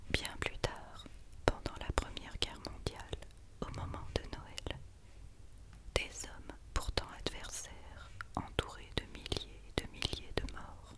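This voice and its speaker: A woman reads a Christmas story as ASMR in a breathy, unvoiced whisper, hushed and quiet as if at night. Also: takes it slowly. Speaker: ASMR reader.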